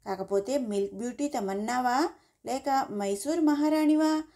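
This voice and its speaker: A woman's voice: high voice, a little slow, dark tone, voice pushed up. A woman voicing a cheeky young man who teases in a mock-polite way in a storybook reading. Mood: teasing.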